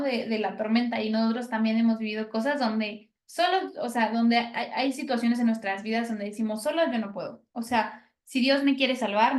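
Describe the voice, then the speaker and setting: A woman reflecting on scripture in a church discussion, often checking in with a questioning tag, over a video call. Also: fairly high pitch. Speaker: discussion participant. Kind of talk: Bible teaching discussion. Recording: roomy echo.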